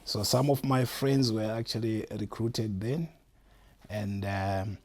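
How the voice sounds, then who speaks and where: Deep-voiced Malawian man, thoughtful. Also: steady tone, a little mellow. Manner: thoughtful, pauses to think. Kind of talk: documentary interview.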